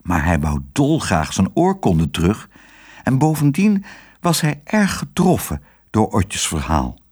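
A man reading a children's story aloud as narrator, with expressive, animated storytelling. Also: lowish voice, unhurried, slightly rough.

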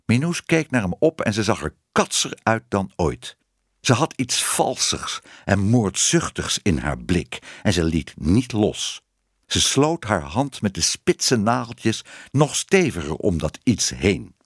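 A man reading a children's storybook aloud in an expressive, animated way. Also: lowish voice, slow, husky, no room sound, studio quality. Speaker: narrator.

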